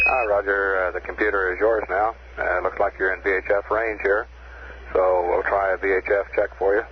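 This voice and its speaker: Male capsule communicator, clipped procedure talk, dull space-radio transmission with clear static. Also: sits low, flat delivery, moderate pace. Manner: matter-of-fact, clipped. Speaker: mission control capsule communicator. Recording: muffled, noisy 1960s space radio.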